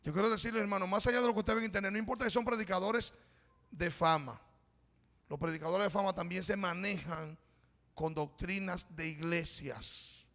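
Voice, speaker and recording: A man's voice: fairly high pitch, gravelly, a bit bright. A middle-aged man preaching a sermon as a pastor, telling a personal story in a conversational way and calling the congregation brothers. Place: church. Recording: reverberant church hall.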